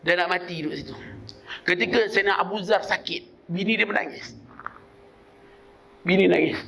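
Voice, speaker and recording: A male preacher with a Malaysian Malay accent tells stories animatedly in a mosque sermon and often bursts into loud emphasis to address the congregation. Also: sits high, steady tone, normal speed, vocal fry, a little hiss or hum. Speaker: religious preacher. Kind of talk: evening mosque sermon with storytelling.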